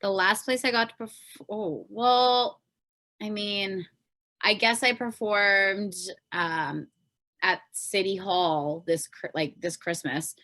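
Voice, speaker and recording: Slow and sharp in tone, this woman's medium-pitched voice carries a Canadian accent. She is a pop singer-songwriter being interviewed as a podcast guest in a casual chat, talking informally and ramblingly and often trailing off.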